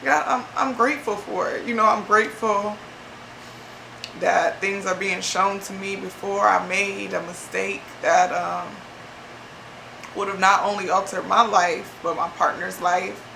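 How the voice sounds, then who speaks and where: A woman from Ohio sharing a reflective faith talk on her vlog, speaking slowly and haltingly with many pauses and fillers, emotional and near tears. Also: mid-range voice, steady tone, vocal fry, pushed and bright, reverberant, slight background noise. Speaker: vlogger.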